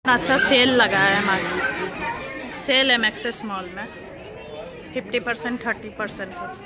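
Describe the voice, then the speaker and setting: A woman's voice: a little high, normal speed. A woman in her thirties chatting to her viewers in a casual shopping vlog, filming herself on a phone held at arm's length while she walks through a busy indoor mall. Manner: chatty, addresses viewers directly while walking. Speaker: vlogger. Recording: loud crowd and mall noise. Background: crowd chatter and mall noise.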